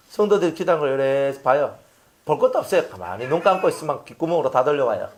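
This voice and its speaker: Animated Gyeongsang-accented male preacher. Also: on the high side. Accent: Gyeongsang Korean. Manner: dramatic, acts out prayers, swings between loud and hushed. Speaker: pastor. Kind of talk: expository sermon.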